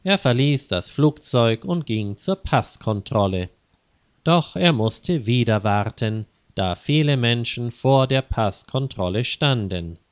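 A man narrating a scripted story slowly and carefully, clearly spaced, for language learners. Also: mid-range voice, animated, no echo.

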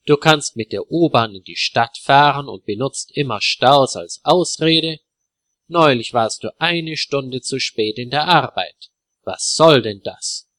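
A man's voice: mid-range voice, lively intonation, a little slow, a bit bright, dry recording. A man voicing a stern male office boss in a spoken story, reproachful in tone. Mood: indignant.

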